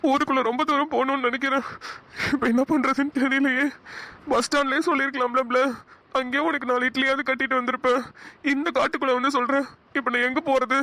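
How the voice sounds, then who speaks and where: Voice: high voice, little pitch movement, quick pace, pushed and bright. A voice actor playing a caring young village husband in a cartoon, speaking in a coaxing, reassuring way. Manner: coaxing, reassuring, rustic address. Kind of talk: cartoon voice acting.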